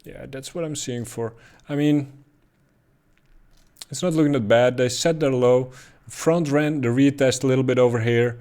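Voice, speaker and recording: This man, a crypto chart analyst with a Dutch accent, walks through trading charts in casual commentary recorded at a home desk. He speaks at an unhurried clip in a middle register, punctuating his thinking aloud with ums and uhs.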